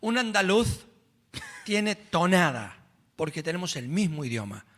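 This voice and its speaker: A man's voice: on the high side, big pitch swings, unhurried, fairly bright tone. A man with a Córdoba accent from Argentina, a radio panelist who speaks emphatically and insistently about correct speech. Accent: Cordoba Argentine Spanish.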